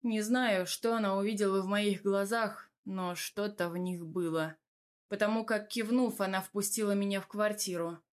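A woman narrating a first-person audiobook in a steady, even manner. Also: medium pitch, moderate pace. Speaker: audiobook reader.

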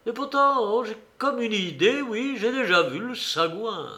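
A man's voice: high-pitched, animated, measured pace, pitched above the performer's own voice, exaggerated voice. A man doing Long John Silver, a blustering old sea cook. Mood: scornful. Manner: loud, blustering, theatrical outbursts. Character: gruff one-legged old male sea cook, cunning and blustering. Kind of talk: radio drama reading.

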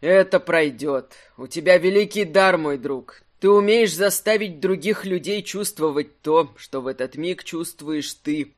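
A narrator voicing an elderly male actor who speaks low, soft and affectionately in an audiobook. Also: measured pace, few pauses, close to an everyday voice. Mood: gentle. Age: older. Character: old kindly male actor, fatherly and warm. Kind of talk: audiobook character voice.

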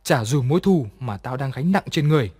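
A man voicing the calm ghost of a young servant girl in a read horror story, speaking softly and steadily. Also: medium pitch, brisk, breathy edge. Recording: long reverb.

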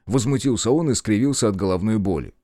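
A man narrating a first-person audiobook in an expressive, dry sardonic tone. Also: fairly low pitch, fast talker, dry recording.

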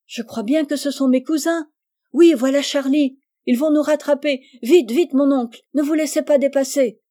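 A woman voicing an eager, affectionate little orphan girl in a storybook reading, speaking high and emphatic. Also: fairly quick, mellow, natural voice. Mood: excited.

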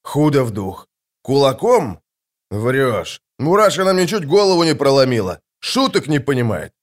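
A man voicing a blunt, brawling female soldier who scoffs and shouts. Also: medium pitch, big pitch swings, moderate pace, natural voice. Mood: scoffing.

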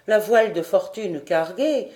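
A woman reading a classic adventure novel aloud in a clear, measured narration. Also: mid-range voice, lively intonation, a little mellow. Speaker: audiobook reader. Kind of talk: scripted narration.

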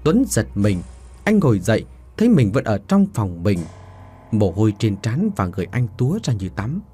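A man narrates a ghost story with a dark, husky voice and a lively, rising-and-falling melody. His delivery is dramatic and expressive, with soft music playing faintly behind him. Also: lowish voice, moderate pace. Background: faint background music.

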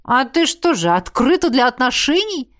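A woman's voice: high voice, sing-song, moderate pace, a bit bright, voice pushed up. A woman voicing a cheeky, womanizing young male student who banters with exuberant, mock-grand flair.

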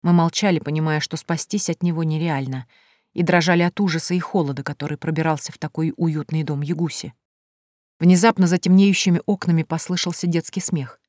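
A woman narrating an audiobook in steady scripted storytelling. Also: fairly low pitch, no room sound, clean studio sound.

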